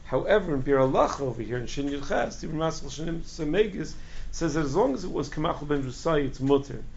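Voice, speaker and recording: A man teaches a religious law class informally, his voice a little high and full of creak. He hammers points by repetition and question-and-answer phrasing. The recording is muffled and lo-fi. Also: lively intonation, fast. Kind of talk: informal lecture to a study group. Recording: dull lo-fi classroom recording, background noise.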